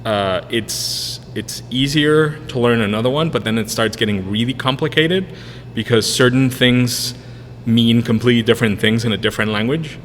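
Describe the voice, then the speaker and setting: Medium in pitch and moderate in pace, this man is in his thirties and grew up speaking Spanish in a Spanish-speaking country before relocating to the US in 1999. As a podcast guest and brewery co-owner, he gives rambling interview answers packed with fillers and restarts. Faint noise and long reverb fill the room.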